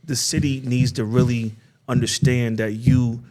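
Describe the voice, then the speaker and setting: A man co-hosting a casual podcast. He talks earnestly, circling back over his words and stammering before he lands a point. His voice sits at an ordinary middle pitch. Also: little pitch movement, unhurried, a little mellow. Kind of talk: casual chat.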